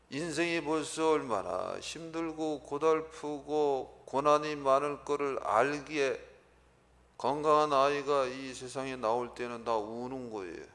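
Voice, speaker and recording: Male pastor, Sunday sermon, gravelly voice, call-and-response repetition. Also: medium pitch, a bit bright. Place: church sanctuary.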